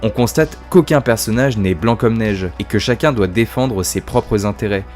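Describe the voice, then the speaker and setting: A man with a fairly low voice talks through his favourite horror series in a casual video review. He swears freely and mocks himself, piling on enthusiasm. Faint music plays under him. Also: normal speed, darkish tone. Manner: sweary, self-mocking, enthusiastic.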